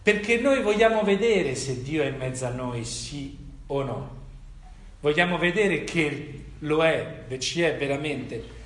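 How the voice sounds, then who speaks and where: Man preaching, kinda higher voice, lots of rhetorical questions, echoey room. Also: lively intonation, unhurried. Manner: reflective, rhetorical questions, frequent "allora" and "no?". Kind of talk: sermon with scripture reading.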